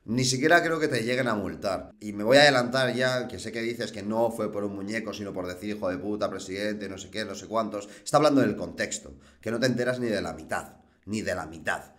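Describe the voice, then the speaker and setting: A man's voice: on the low side, a little fast, fairly bright tone. A man, hosting a show and rebutting a rival in a combative, scolding, mocking tone. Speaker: host. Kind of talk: reaction rebuttal.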